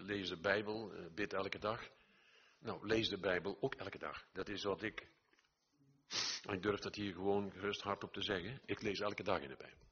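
Older earnest preacher, husky voice. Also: male voice, low voice, bright, forceful tone, muffled recording. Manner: earnest, exhorting, repeats phrases, swells to emphatic peaks. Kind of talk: sermon.

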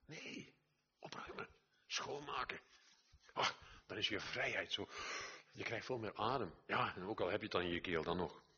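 A man's voice: sits low, a little fast, pushed and bright, lo-fi sound. An older man preaching an earnest sermon, exhorting his listeners, repeating phrases and swelling to emphatic peaks.

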